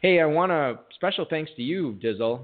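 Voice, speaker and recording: A man's voice: fairly high pitch, animated, normal speed. A man hosting a fantasy football talk show, reading promos with jokey, self-deprecating patter. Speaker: podcast host. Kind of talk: casual sports radio talk. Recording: tinny phone-like audio.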